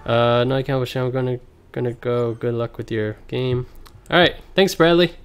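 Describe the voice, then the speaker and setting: Male streamer, mid-pitched, easygoing muttered play-by-play over a headset mic, livestream audio. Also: steady tone, moderate pace, clear, resonant tone, soft background music. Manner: thinks aloud, reads card text, chats with viewers. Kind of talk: casual gameplay commentary.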